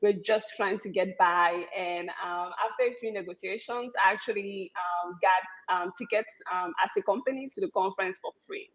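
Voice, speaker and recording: A woman from Cameroon, a startup founder, speaking on a panel in a conversational way with many pauses and fillers. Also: medium pitch, fairly bright tone, dull audio. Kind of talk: panel discussion.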